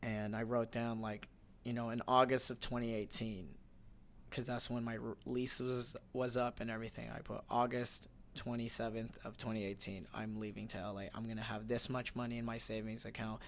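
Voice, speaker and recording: A man's voice: medium pitch, flat delivery, moderate pace, slight background noise. A man in his twenties, a stand-up comedian and guest, telling stories in casual podcast chat that rambles with many restarts.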